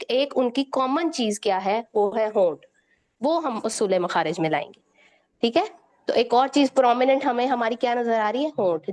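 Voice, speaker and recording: A woman gives a patient recitation lesson. Her voice sits a little high. She keeps asking her students questions and checks in with them after each point. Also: darkish tone. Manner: repeats "theek hai" to check understanding, quizzes listeners with questions. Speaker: Quran recitation teacher.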